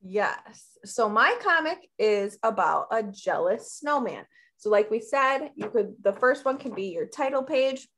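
A woman teacher explaining a classroom lesson step by step in a slow, friendly way. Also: a little high, expressive, fairly bright tone.

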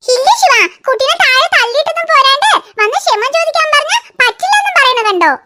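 A cartoon mother who scolds fast and makes sharp threats, played by a woman. Her voice is high and bright, and it cuts through. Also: lively intonation, full character voice. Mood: scolding. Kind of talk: cartoon voice acting.

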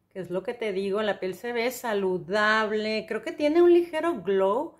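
Chatty woman. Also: medium pitch. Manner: chatty and enthusiastic, addresses the viewer directly. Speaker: beauty vlogger. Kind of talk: makeup review, casual chat to the viewer.

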